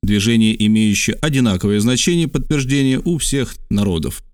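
A man reading an adventure novel aloud as an audiobook narrator, with an expressive, varied delivery. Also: mid-range voice, fairly quick, dry recording, studio quality. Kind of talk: scripted narration.

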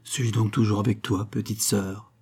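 A man's voice: on the low side, fairly even intonation, moderate pace, a little mellow, husky. A man reading the part of a scheming young impostor dandy in an audiobook, lifting his voice a little for the lines. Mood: sly.

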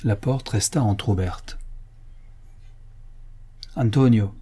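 A man reads a story aloud as an audiobook narrator. His delivery is measured and even. The voice is mellow and dark, with a husky edge. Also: on the low side.

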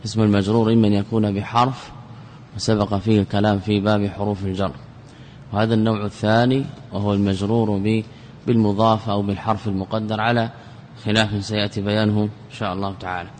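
A man's voice: lowish voice, level tone, fast talker, a little mellow, long reverb tail, slight background noise. A man giving a classical Arabic grammar lesson as a sheikh. He explains step by step, often repeats words, and asks questions that he then answers himself.

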